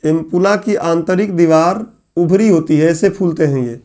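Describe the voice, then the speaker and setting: A male teacher giving a classroom lecture, repeating key phrases slowly so students can write them down. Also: a little high, darkish tone. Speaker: exam coaching teacher. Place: classroom with whiteboard.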